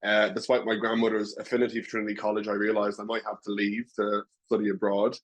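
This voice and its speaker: In this webinar, a young Dubliner from Ireland, still a student, talks fast in a lowish, completely flat voice. He comes across as earnest and long-winded, often putting himself down.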